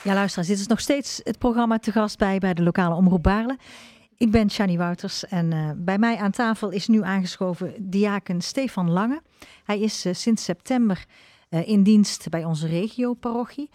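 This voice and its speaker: A woman's voice: mid-range voice, normal speed, darkish tone, dry recording, studio quality, some chatter behind. A woman hosting a local radio interview, asking polite questions with some fillers.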